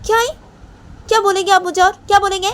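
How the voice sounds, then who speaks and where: A woman voicing an indignant young mother who nags her partner in a loud, high-pitched voice. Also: animated, moderate pace.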